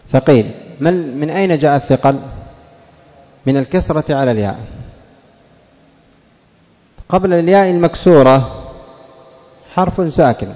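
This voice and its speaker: Teacher drawling example words in a reverberant hall. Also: male voice, on the high side, warm tone, lo-fi sound. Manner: questions and answers himself, drawls out example words slowly. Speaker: Arabic grammar teacher. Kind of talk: classroom lesson on Arabic morphology.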